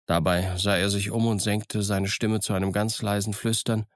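A man narrating a story in the first person, lively and expressive. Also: on the low side, moderate pace, no echo, clean studio sound. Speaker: audiobook narrator.

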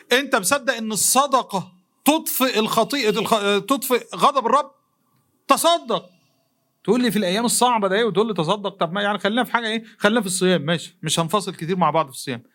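Fast, bright-voiced Egyptian preacher. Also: male voice, high-pitched. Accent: Egyptian Arabic. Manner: colloquial, questions the audience directly; animated, voices imagined speakers. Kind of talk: mosque lesson sermon. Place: mosque.

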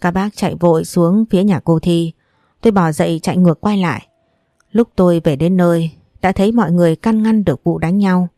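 A woman reads a novel aloud in first person with steady, even storybook narration. Her voice sits low and mellow, and the recording is dry and close with no room sound. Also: a little fast, no room sound. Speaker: audiobook narrator.

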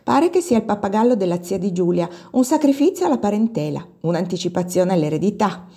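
A woman's voice: mid-range voice, big pitch swings, fairly quick, dark tone, breathy edge. A woman reading the part of a clever young woman with a wry, teasing manner.

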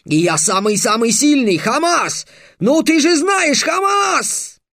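A petulant tyrant-mage in an audiobook, shrieking in a high, strained voice like a spoiled child, as a male reader puts him on. Close and dry, with no room sound. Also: moderate pace, fairly bright tone, dry recording. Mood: frantic. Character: childish tyrant warlord mage, man in his thirties.

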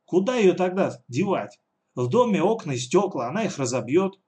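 A man voicing a cruel, bossy adult woman kidnapper who shouts threats. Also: high voice, sing-song, moderate pace, pitched above the performer's own voice. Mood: exasperated.

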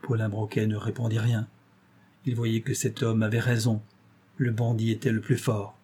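A man narrating an adventure novel as an audiobook, measured and dramatic. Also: lowish voice, little pitch movement, dark tone, slightly rough.

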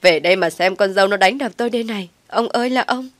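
A woman voicing a bitter, bossy old mother-in-law who scolds and wails loudly. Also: mid-range voice, quick pace, dry recording, lightly acted. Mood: wailing. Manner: scolding, wailing.

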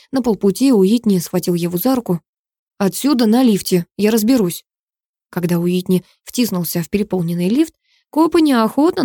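A woman reads a crime novel aloud in a steady, dramatic storytelling manner. Her voice is mellow and warm. The recording is close and dry, with no room sound. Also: mid-range voice, dry recording. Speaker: audiobook narrator. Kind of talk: scripted narration.

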